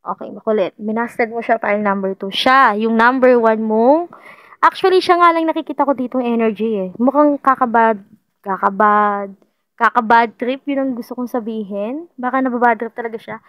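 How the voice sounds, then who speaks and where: A woman's voice: on the high side, normal speed, fairly bright tone, no echo. A woman doing a casual tarot reading for viewers, chatty and playful, often repeating herself and laughing. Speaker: tarot card reader.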